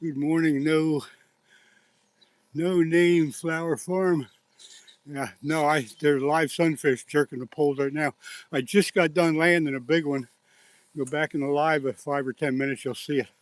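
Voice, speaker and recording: A man livestreaming a catch from a riverbank outdoors, excited and out of breath, exclaiming often. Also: fairly high pitch, moderate pace, no room sound. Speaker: fishing livestreamer. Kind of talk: live fishing stream chat.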